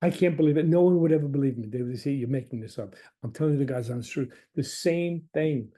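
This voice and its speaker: A man's voice: medium pitch, fast talker, close to an everyday voice. A man voicing a gushing betrayed woman patient. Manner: excitable, breathless gushing. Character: emotional woman patient, adoring then betrayed.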